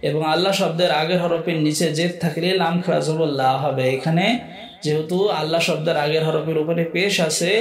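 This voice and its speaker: Male Quran teacher, high voice, spells out letters and chants them, echoey room. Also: flat delivery. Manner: spells letter by letter, then chants words slowly. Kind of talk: Arabic reading lesson. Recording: echoey room with faint music.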